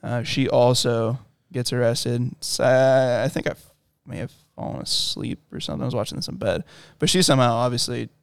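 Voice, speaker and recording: Guy, casual co-host, smooth dry voice, rambling storyteller. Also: medium pitch, a little fast, no room sound. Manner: rambling storyteller with many fillers. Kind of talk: casual chat.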